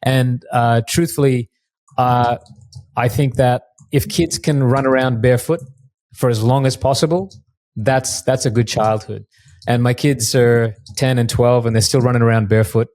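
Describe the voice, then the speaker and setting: A man, a guest mortgage broker chatting casually in an interview and telling relaxed stories with frequent restarts. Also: mid-range voice, normal speed, no echo. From Australia.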